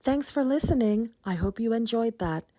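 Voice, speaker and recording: A woman reading a rhyming children's book aloud with an expressive, rhythmic delivery. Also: fairly high pitch, moderate pace. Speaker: storybook reader. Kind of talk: children's read-aloud narration.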